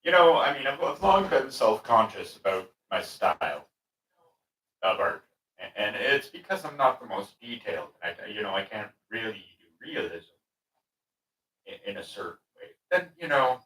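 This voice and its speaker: Relaxed male painter streamer, low voice, mic set back in a roomy space. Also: moderate pace, recorded from a distance. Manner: relaxed, rambling, talks to himself and chat. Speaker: painter streaming his work. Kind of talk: casual thinking-aloud commentary while painting. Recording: roomy sound, speaker away from mic.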